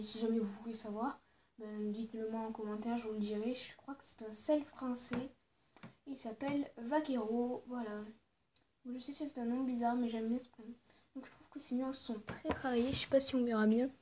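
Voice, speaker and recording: A woman's voice: fairly high pitch, fairly even intonation, normal speed, mellow, a little hiss or hum. A woman vlogging casually as she shows her collection, hesitant, with many fillers and asides. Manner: hesitant, full of "euh" and "voilà" fillers. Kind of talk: casual show-and-tell vlog.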